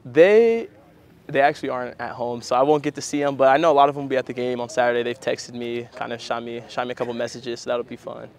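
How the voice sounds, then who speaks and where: A young man from New Mexico answers interview questions as a college football player. He talks quickly at a middling pitch, in a casual, matter-of-fact way. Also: fairly even intonation, darkish tone. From New Mexico, United States. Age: young adult. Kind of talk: post-practice media interview answers.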